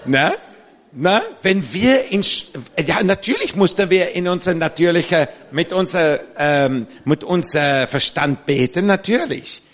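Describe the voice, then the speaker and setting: A man from South Africa preaching a sermon in an animated, warm-hearted way, often checking in with his listeners. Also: sits high, a little slow.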